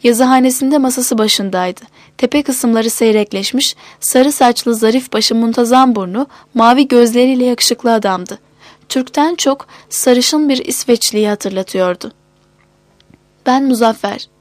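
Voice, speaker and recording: A woman narrating an audiobook in a measured, even reading voice. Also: fairly high pitch, no echo.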